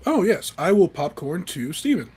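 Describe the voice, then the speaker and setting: A man's voice: high voice, very animated, normal speed, a little mellow, slight background noise. A man introducing himself as a tabletop player, cheerful and a little hesitant. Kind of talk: casual introduction on a game stream.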